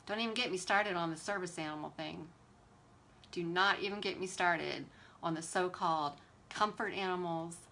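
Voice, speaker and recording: Her voice is fairly low and sharp in tone, with a little hiss or hum on the recording. She hosts a beauty livestream, chatting casually and animatedly with exasperated sass as she does her makeup.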